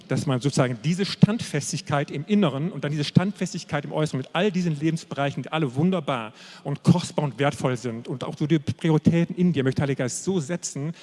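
A man preaches a sermon with a somewhat high voice, pressing his points and slowing down on the key words. His voice rings out with a long reverb, as in a large church hall. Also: darkish tone. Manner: emphatic, repetitive, slows down to stress key phrases.

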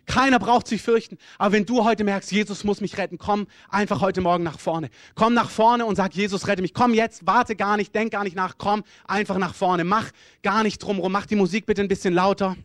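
A man's voice: high-pitched, fairly even intonation, brisk, hardly any pauses, fairly bright tone, no room sound, studio quality. A man preaching a sermon and leading an altar call and prayer, with urgent, repeated pleading calls.

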